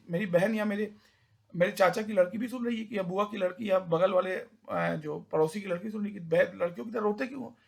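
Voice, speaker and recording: A young man giving an informal talk, rambling with many restarts and repeated words, and now and then taking on a rough rustic voice to act out village elders. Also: high voice.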